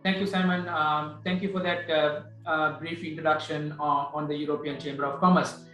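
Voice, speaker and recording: A man with a fairly high voice hosts the interview, putting polite, formal questions with a few hesitant fillers. His voice rings in an echoey room over faint background music. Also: little pitch movement, normal speed, bright, forceful tone. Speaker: webinar host. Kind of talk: hosting an interview.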